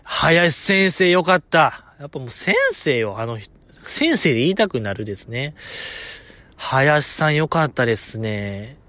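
Man, Kansai accent, podcast host, excitable fan chatter, dull lo-fi sound. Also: fairly high pitch, measured pace, no room sound. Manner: excitable fan gushing, chuckles often. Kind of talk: casual solo podcast chat. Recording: dull lo-fi audio.

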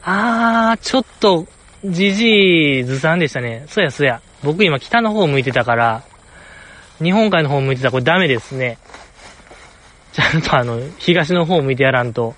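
A man's voice: a little high, expressive, moderate pace, fairly bright tone. Chatty man with an Osaka accent. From Osaka, Japan. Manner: chatty, rambling, playfully earnest. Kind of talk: casual solo chat.

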